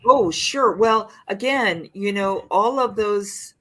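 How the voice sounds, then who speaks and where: Slow and a bit bright in her mid-range voice, this older woman, a singer-songwriter, reflects expressively on her craft during a podcast interview, frequently starting sentences over.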